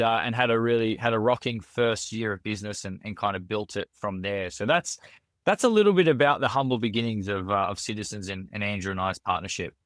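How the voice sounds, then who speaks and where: A man's voice: mid-range voice, no room sound, clean studio sound. A man with an Australian accent, a restaurant founder speaking as a guest in a casual podcast interview, earnest and full of "you know" fillers and restarts. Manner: earnest, with frequent fillers and repeated words.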